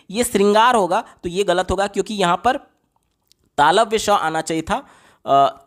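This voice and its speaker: A man explaining exam questions step by step as a teacher, often asking a question aloud and then answering it himself. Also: sits high. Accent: Hindi. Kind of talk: explaining lesson on screen.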